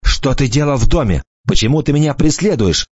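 A male narrator voicing a fierce, frightened young woman who hisses threats and shouts, in a dull, dry recording. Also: mid-range voice, animated, fairly quick, husky, dry recording, pitched above the performer's own voice. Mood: interrogating.

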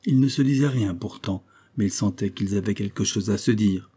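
A man reading a classic novel aloud in a measured, even storytelling manner. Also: on the low side, breathy edge. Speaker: audiobook reader.

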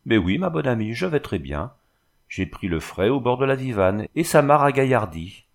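A man voicing a busy, good-humored village notary who speaks briskly in a storybook reading. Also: mid-range voice, sing-song, creaky. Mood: cheerful.

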